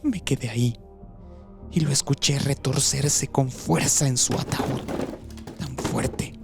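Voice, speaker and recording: A man's voice: mid-range voice, slow, vocal fry, music in the background, pitched above the performer's own voice. A man voicing a haunted young man terrified by his nightmares, whispering and then crying out in panic, in a scripted horror story.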